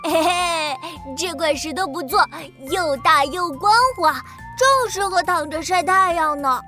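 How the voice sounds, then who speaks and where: Woman doing a squeaky smug little clam. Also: measured pace, pushed and bright, soft background music, exaggerated voice. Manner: gleeful, teasing. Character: small cheeky river clam, smug and stubborn. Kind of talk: children's story voice.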